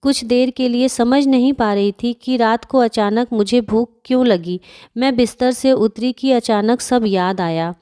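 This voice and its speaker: A woman's voice: fairly high pitch, a little slow, warm tone, smooth. A woman narrating an emotional first-person family story in an earnest storytelling manner.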